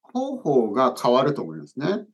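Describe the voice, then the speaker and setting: A man co-hosting a casual podcast. He explains in a slow, patient, teacherly way. His pitch rises and falls freely. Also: huge pitch swings, breathy edge, muffled recording. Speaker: podcast host. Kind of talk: casual chat about studying Japanese.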